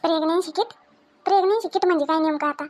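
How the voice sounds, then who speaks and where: A middle-aged woman with a very high voice, playing a scolding mother-in-law in a home drama. She fires off demanding questions at a fast clip. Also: a little mellow. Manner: scolding, demanding, quick-tempered.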